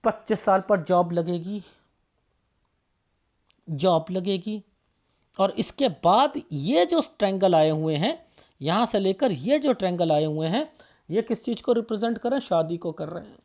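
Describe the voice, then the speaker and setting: A man's voice: high-pitched, animated, a little slow, pauses often, a little mellow, dull audio. A man reading a palm aloud for viewers as a palmist, firing off rhetorical questions and repeating phrases for emphasis.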